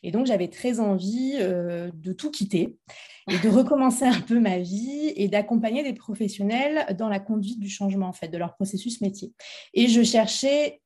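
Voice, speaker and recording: A woman's voice: mid-range voice, moderate pace, warm tone, breathy edge. A woman interviewed as founder of a training institute, talking with many fillers and restarts. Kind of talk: interview conversation. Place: Montpellier, France.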